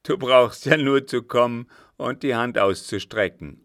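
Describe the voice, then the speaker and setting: A man's voice: mid-range voice, unhurried, fairly bright tone, no echo, clean studio sound. A man voicing a selfish, scheming old man who mocks and bargains in a sardonic, calculating way.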